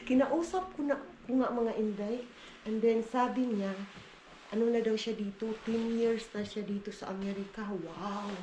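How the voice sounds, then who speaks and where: A Filipino vlogger mom with a Visayan accent chats casually with viewers in a home family vlog, calling them "inday" and switching among Tagalog, Bisaya and English. Her voice is on the high side and mellow, a bit stuffy-nosed from a cold, in an echoey room with a little hiss or hum.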